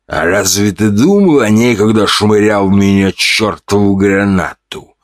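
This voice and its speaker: A deep-voiced man puts on a cruel bandit chief in an audiobook, mocking and contemptuous, often pushing his voice higher in scorn. The voice is low, and the recording is dry and close. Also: a little slow, no echo, natural voice. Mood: sneering. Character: scarred sneering bandit leader man, cruel. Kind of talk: audiobook character voice.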